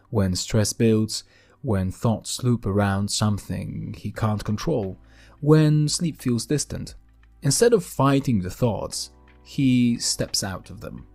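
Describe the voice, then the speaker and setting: A man hosting a podcast in a calm, gentle, unhurried way, narrating a scripted grounding exercise with deliberate pauses. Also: lowish voice. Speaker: podcast host.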